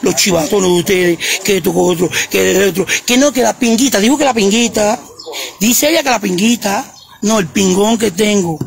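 A man's voice: sits high, vocal fry, slight background noise. A man, ranting and hurling repeated insults during a phone livestream. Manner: insulting, repetitive, mocking. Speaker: social media livestreamer.

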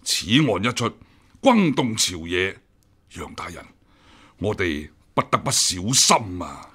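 In a Cantonese radio drama, a senior imperial examiner with a Hong Kong accent speaks slowly in a husky, forceful voice with very lively pitch, and the performance is heavily acted. His speech is formal and smooth, and he comes across as guarded and easily offended, with a cautious, persuasive mood.

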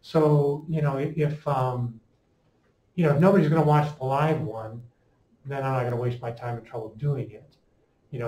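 A man gives an informal classroom lecture through a face mask. His voice is dark and relaxed, a little muffled by the cloth. It carries noticeable room echo, picked up by a microphone a few steps away. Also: medium pitch. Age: middle-aged. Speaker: high school calculus teacher. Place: indoor classroom in front of a chalkboard. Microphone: fixed microphone a few steps away.

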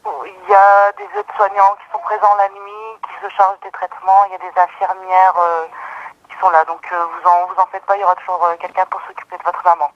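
A man's voice: high voice, animated, brisk, creaky. A man on the staff of a retirement home, heard over a telephone line, answering a caller hesitantly with many filler sounds and reassuring words. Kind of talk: phone call with a caller. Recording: dull, muffled phone line.

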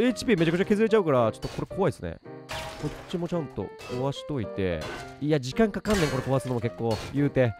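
Frantic, fast-talking man narrating gameplay. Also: a little high. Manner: excited, talks to himself while playing, frantic yelps. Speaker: game streamer. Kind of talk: gameplay commentary.

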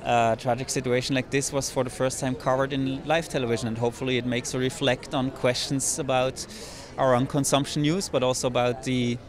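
Male film maker, mid-range voice, earnest and measured, explaining on a red carpet. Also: mid-range voice, little pitch movement. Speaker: film maker interviewed at premiere.

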